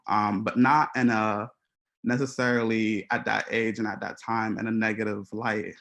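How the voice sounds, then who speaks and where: Low, flat-voiced man, halting and reflective. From Haiti. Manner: hesitant, many ums and restarts, reflective. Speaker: photographer giving an artist talk. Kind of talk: presenting slides to an audience.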